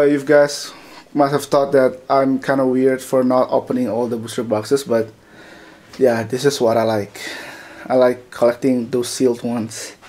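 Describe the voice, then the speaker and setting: A man giving a casual narrated tour of his indoor collection room, talking haltingly with many fillers and restarts into a handheld camera mic. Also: mid-range voice, a little mellow.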